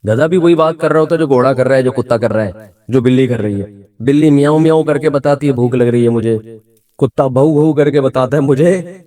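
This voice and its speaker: A middle-aged man giving a conversational religious lecture with humor, asking his listeners questions and acting out quoted voices. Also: medium pitch. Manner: animated, humorous, asks the audience questions; acts out quoted voices within the talk. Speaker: Islamic scholar giving a talk.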